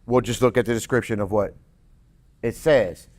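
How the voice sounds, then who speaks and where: A man teaching a sermon in a casual, conversational way, joking with the congregation and reading scripture slowly. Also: medium pitch, fairly even intonation, darkish tone.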